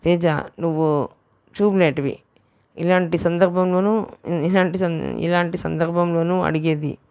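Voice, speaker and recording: A woman's voice: on the low side, fairly even intonation, measured pace, a little mellow, clear, resonant tone, no room sound. A woman reading the lines of a playful young woman in love, teasing and affectionate, for an audiobook.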